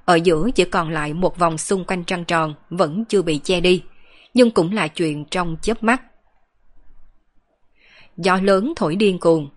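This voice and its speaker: Woman reading a novel out loud, steady, kinda low voice. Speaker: audiobook narrator. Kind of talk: scripted narration.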